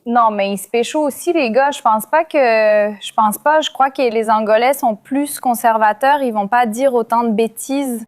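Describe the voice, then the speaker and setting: A woman's voice: a little high, normal speed, hardly any pauses, dry recording. A woman chatting casually as a podcast guest, telling anecdotes and explaining things. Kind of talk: casual chat. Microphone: studio podcast microphone.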